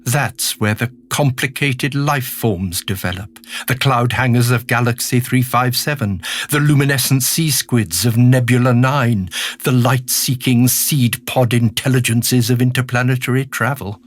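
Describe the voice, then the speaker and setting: An actor playing a decaying, skeletal alien villain in an audio drama monologue, charming, sinister and self-pitying, confiding in the listener with sardonic relish. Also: male voice, mid-range voice, close to an everyday voice. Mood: aggrieved, gleeful. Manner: theatrical, confiding, sardonic, drawn-out menacing phrases.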